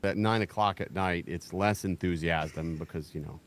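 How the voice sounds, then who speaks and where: A man guest joining a podcast, speaking haltingly and repeating words. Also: sits low. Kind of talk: casual banter on a podcast.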